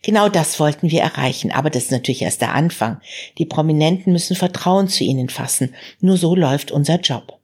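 A woman voicing an older male baron who mentors a young woman, speaking in a fatherly, gently warning manner. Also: low voice, animated, a little fast, husky.

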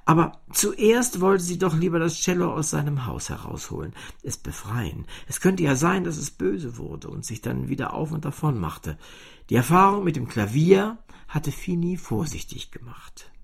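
A man reading a children's story aloud, slow, lively and expressive, sometimes dropping to a whisper. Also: a little high, creaky, husky.

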